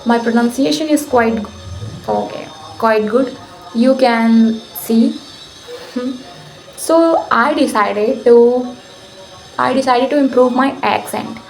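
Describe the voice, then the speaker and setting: A woman with an Indian English accent talks casually to her camera as the host of her own channel, alone indoors. Her voice sits fairly high and she pauses often, restarting and correcting herself as she goes. The sound carries a roomy echo. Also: soft background music. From Uttar Pradesh, India. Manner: hesitant, self-correcting with many fillers.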